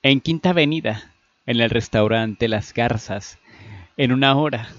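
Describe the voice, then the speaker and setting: Un hombre dando voz a un joven galán seguro de sí, que habla con calma y soltura. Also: male voice, medium pitch, unhurried, no room sound, highs cut off, natural voice. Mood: charming. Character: James/Terrence, charming young man, confident and smooth.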